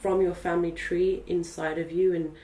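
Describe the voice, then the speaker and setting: Heard through a distant mic in a roomy space, this young woman from Zimbabwe, a native Portuguese speaker, answers casual interview questions with many fillers. She speaks at a moderate pace in a fairly low, flat, warm voice.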